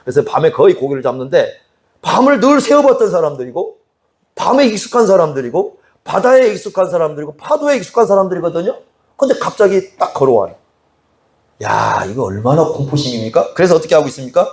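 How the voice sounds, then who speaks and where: A man's voice: a little high, big pitch swings, fast, darkish tone. A male pastor preaching an expository sermon in a conversational way, often asking the congregation questions. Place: church sanctuary.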